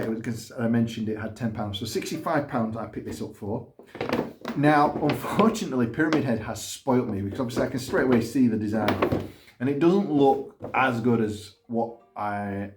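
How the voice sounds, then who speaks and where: A man's voice: medium pitch, darkish tone, slight background noise. A man hosting a casual gaming video, chatting in a rambling, self-deprecating way. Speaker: gaming YouTuber host. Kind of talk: casual chat. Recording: roomy echo.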